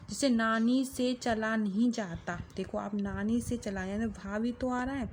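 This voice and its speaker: A woman's voice: on the high side, slight background noise. A woman teaching a grammar lesson to exam students, explaining step by step and repeating key phrases to check along.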